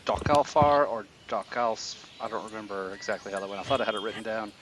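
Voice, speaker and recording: A man running a tabletop game as game master, narrating casually and explaining things in a halting way. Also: on the low side, crowd noise. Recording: nature ambience noise behind voice.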